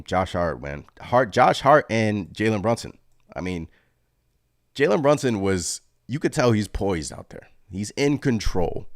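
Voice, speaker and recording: A man hosting a live postgame reaction stream, talking in an excited, rambling way and reading chat comments aloud. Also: low-pitched, no echo, clean studio sound. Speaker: sports fan channel host.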